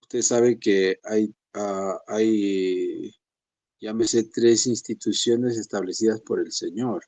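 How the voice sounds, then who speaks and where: A man's voice: fairly even intonation, takes it slowly, darkish tone. A man teaching a church session, speaking conversationally and addressing the congregation as brothers. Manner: acts out believers' excuses in a higher voice. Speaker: pastor.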